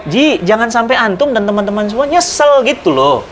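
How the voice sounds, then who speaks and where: A middle-aged man preaching in conversation, telling religious stories with dramatic swings in pitch and loudness and speaking straight to his listener. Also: very animated, fairly quick, a little hiss or hum. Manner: addresses listener directly, persuasive. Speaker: Islamic preacher. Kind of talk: animated religious storytelling in conversation.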